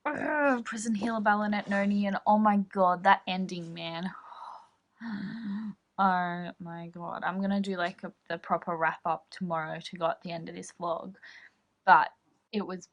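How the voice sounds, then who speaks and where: A young woman talks through her reading in a casual vlog, gushing and rambling with plenty of fillers. Her voice sits in a middle pitch with a bright, forward tone. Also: steady tone, moderate pace. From Australia. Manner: chatty, gushing, many fillers. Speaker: book vlogger.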